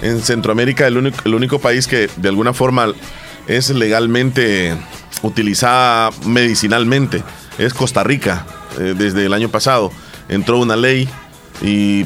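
A man hosting a casual chat show, playful and quick to laugh at himself. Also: medium pitch, fairly bright tone, soft background music. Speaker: radio show host.

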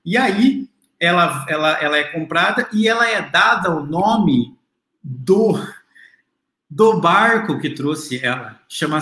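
Lecturer, male, slightly high voice, chatty and explanatory, roomy echo. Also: bright, forceful tone. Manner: explanatory, addresses the audience directly, many fillers and restarts. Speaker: literature lecturer. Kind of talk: classroom lecture.

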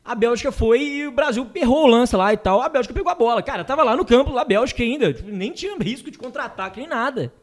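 A man from Brazil chatting casually among friends, telling animated, slangy stories and laughing often. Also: extremely high pitch, fast, few pauses.

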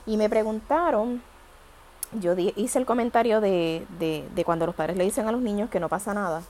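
A woman hosts a reflective audio monologue, gently explaining ideas and thinking aloud as she goes. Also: mid-range voice, moderate pace. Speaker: podcast host.

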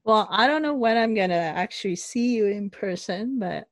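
A woman podcast host chatting casually with a guest, relaxed and quick to laugh. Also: a little high. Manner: relaxed, laughs often, brief agreeing replies. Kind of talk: casual interview chat. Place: home studio, recorded in Canada.

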